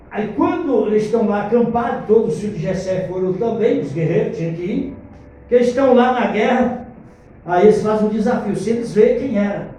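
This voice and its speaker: A man, a pastor preaching an animated storytelling sermon to his congregation on a handheld microphone. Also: high-pitched, slight background noise. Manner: animated, addresses congregation as brothers. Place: church hall. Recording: echoey church room from far off, faint music.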